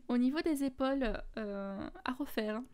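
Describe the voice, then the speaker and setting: A woman's voice: a little high, measured pace, a little mellow, smooth. A woman from France talking casually through her finished coloring pages, listing her art supplies with lots of fillers and self-corrections. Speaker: coloring book vlogger.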